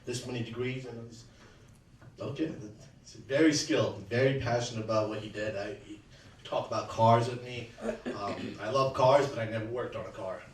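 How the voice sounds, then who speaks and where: A man speaking at a memorial in earnest, halting sentences with many restarts, remembering his late father-in-law. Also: medium pitch, fairly even intonation. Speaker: eulogy speaker, son-in-law. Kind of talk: personal remembrance speech. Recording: echoey room, distant mic, faint background hum.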